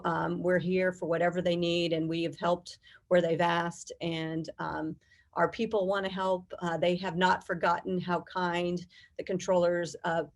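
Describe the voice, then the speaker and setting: A middle-aged woman from the United States, an executive with an air traffic controllers' union, speaks as an interview guest in a fairly low voice with a gravelly creak. She explains things in a measured, conversational and detailed way.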